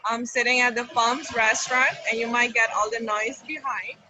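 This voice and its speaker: A woman's voice: a little high, fairly even intonation, moderate pace, noisy background. A middle-aged woman, from Venezuela and raised in Aruba, chatting casually as an interview guest and repeating words for emphasis. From born in Maracaibo, Venezuela, raised in Aruba from age eight. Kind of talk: casual chat on a video call. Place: open-air beach restaurant at a hotel. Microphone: phone on a video call.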